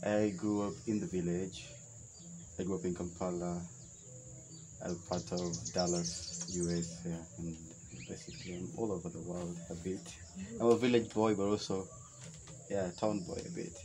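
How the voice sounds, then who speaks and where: A man's voice: low voice, flat delivery, normal speed, noisy background. A young man with a Kenyan accent, answering interview questions in a reflective, hesitant way, often restarting his sentences. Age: young adult. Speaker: interview guest. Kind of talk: relaxed outdoor conversation. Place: shaded veranda by a wetland, outdoors.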